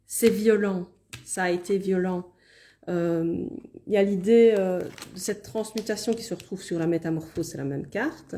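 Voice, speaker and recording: Mellow-voiced woman with a Liège accent. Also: on the low side, moderate pace. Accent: Liège Belgian French. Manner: chatty, apologetic asides, reads viewer comments aloud. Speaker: card reader hosting a live stream. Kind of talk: casual live-stream card reading.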